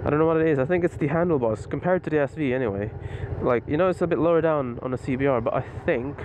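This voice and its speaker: A man's voice: on the high side, quick pace, lo-fi sound. A young man chatting casually while riding his motorbike at night, rambling and thinking aloud into a wired earphone mic inside his helmet. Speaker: motorcycle vlogger. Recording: loud wind and engine noise.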